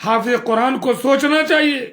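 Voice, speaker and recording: A man's voice: extremely high pitch, fairly bright tone. A man preaching a sermon, earnest and scolding, repeating phrases for emphasis.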